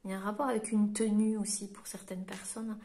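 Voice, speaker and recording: A woman with a French accent, working as a medium and giving a spoken card-reading guidance to her viewers, pausing and restarting as she looks for words. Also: medium pitch, little pitch movement, mellow. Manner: halting, searching for words while reading cards. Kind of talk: tarot-style guidance reading to camera.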